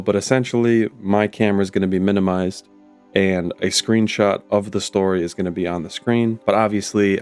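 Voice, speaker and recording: A man with a voice still rough from being sick, hosting a casual, chatty reaction video with excitable tangents and casual swearing. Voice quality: deep husky radio-like voice. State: voice rough from recovering from illness. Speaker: YouTube host reading Reddit stories. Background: faint ambient music.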